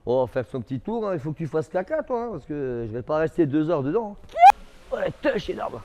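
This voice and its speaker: A man's voice: fairly high pitch, sing-song, brisk, highs cut off, heavy background noise. A man chatting and teasing on a rainy city street, swearing often. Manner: swearing, boisterous teasing banter. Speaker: documentary subject, football fan. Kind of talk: casual street chat. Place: outdoors on a city street in rain.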